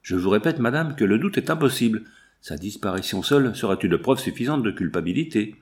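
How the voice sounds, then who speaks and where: A man's voice: fairly low pitch, lively intonation, a little fast, close to an everyday voice. A man doing a stern, unshakable magistrate. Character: stern, self-assured male examining magistrate.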